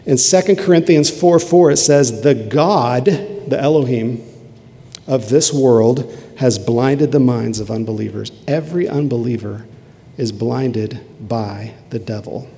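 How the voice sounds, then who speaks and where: A man preaching a sermon, with emphatic rises and quiet, low asides. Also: a little slow, creaky. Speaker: pastor. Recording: long hall reverb.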